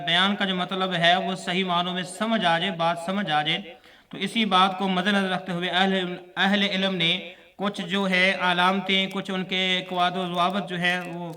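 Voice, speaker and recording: High, bright-voiced man teaching from afar. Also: distant mic. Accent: Pakistani Urdu. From Pakistan. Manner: repeats points and quizzes listeners. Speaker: Quran teacher. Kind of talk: religious classroom lesson.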